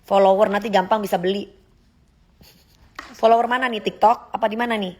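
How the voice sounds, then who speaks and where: A woman's voice: mid-range voice, fairly even intonation, brisk, a little mellow. A woman, hosting a phone livestream, reading comments aloud and teasing her critics in a sassy, confrontational way. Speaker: livestream host.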